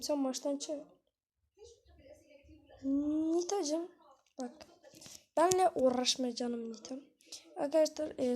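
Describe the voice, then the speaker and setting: High-voiced, excitable gaming streamer woman. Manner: excitable, chatty, talks to the game characters; frustrated outbursts with swearing. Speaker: gaming channel host. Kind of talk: live gameplay commentary.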